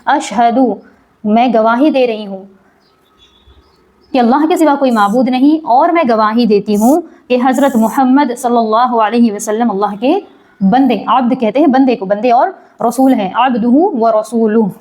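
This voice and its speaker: A woman teaching how to recite a prayer, drawing out slow chanted phrases and then explaining briskly, often asking a question and answering it herself. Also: a little high, a little mellow. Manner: asks and answers her own questions. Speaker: religious teacher.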